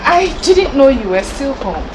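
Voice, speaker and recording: Carefree young Nigerian woman, unhurried. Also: sits high, very animated, background noise. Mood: casual. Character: carefree, independent young woman who resists being fussed over. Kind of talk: film drama acting.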